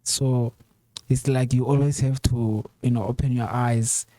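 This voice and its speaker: A man's voice: mid-range voice, steady tone, a little slow, mellow, dry recording. A man hosting a casual chat show, asking questions in an easygoing, conversational way with plenty of fillers. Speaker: host.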